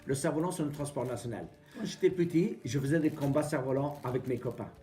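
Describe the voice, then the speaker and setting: A man from Afghanistan, giving a casual how-to demonstration of a kite kit in plain, halting sentences with small grammar slips. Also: medium pitch, dark tone, soft background music.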